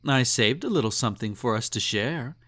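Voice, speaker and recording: Expressive, fairly quick and somewhat bright in tone, a man's mid-range voice brings a snobby, possessive emperor to life in an intimate romantic audio roleplay. He is indulgent and menacing, haughty, purring and condescending, with a smug, tender, teasing air.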